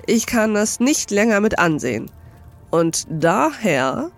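A woman reading aloud voices an old male moneylender, gruff and commanding, later hearty, for a storybook reading. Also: mid-range voice, sing-song, takes it slowly, faint music behind.

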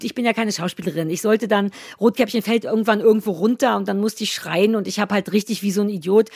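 A woman in her forties with a Berlin accent, co-hosting a podcast and telling stories in a lively, self-mocking way. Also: on the high side, gravelly, no echo, clean studio sound. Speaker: podcast co-host. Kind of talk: casual podcast chat.

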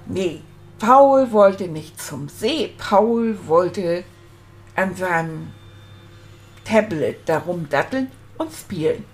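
A woman's voice: fairly low pitch, animated. A woman playing a homesick little boy rat. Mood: wistful. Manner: slow, confiding storytelling to children. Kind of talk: children's puppet storytelling.

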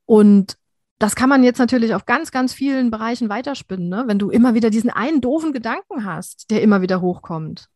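A woman's voice: a little high, lively intonation, a little fast, darkish tone, dry recording, clean studio sound. A woman who works as an anti-stress coach, a guest on a podcast, explaining advice in an earnest, reflective way with many fillers.

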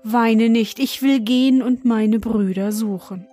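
Woman reader doing gentle young storybook princess, soft, earnest, slow. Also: a little high, faint music behind. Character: young princess seeking her brothers, gentle.

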